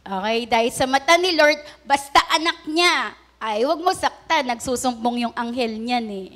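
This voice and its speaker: A woman's voice: a little high, lively intonation, moderate pace, fairly bright tone. A woman pastor giving a casual, conversational sermon, often adding polite asides and questions to the congregation. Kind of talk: Taglish sermon.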